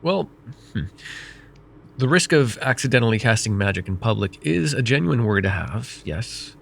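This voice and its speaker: A voice actor plays a vain, wry, middle-aged mage counseling a student in an ASMR roleplay. He speaks calmly and in a measured, gently teasing way, his mood reassuring. His mid-range voice is creaky, with a little hiss or hum in the audio.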